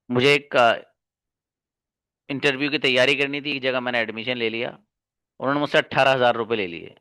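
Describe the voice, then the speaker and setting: A man's voice: medium pitch, a bit bright, dry recording. A man teaching an online English class, speaking earnestly and reassuringly to his students and repeating points for emphasis. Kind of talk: live online class, encouraging lecture.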